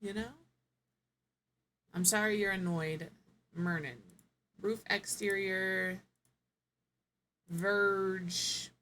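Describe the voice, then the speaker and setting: A woman's voice: mid-range voice, steady tone, extremely slow, long pauses, pushed and bright, a little hiss or hum. A woman streamer giving casual live gameplay commentary, thinking aloud, musing and correcting herself as she goes.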